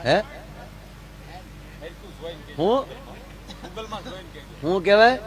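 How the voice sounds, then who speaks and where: A man's voice: high-pitched, expressive, extremely slow. A man telling folk stories with humor, chatty and jokey, speaking directly to his audience. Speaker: folk storyteller.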